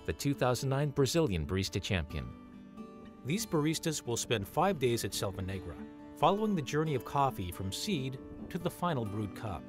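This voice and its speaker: Male narrator, mid-range voice, scripted documentary read over clear guitar music. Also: medium pitch.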